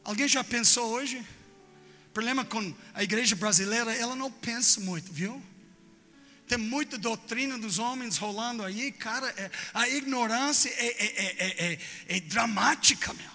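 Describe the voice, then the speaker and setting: A man preaching a sermon with fervor, dropping to low murmurs and then rising to loud shouts. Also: moderate pace. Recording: echoey hall with music underneath.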